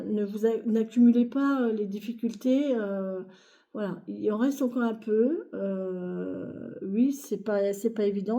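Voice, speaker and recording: A woman's voice: on the high side, warm tone. A woman giving a weekly tarot reading to camera, speaking to viewers in a reassuring way and hesitating often with fillers and repeated phrases. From France. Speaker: tarot reader.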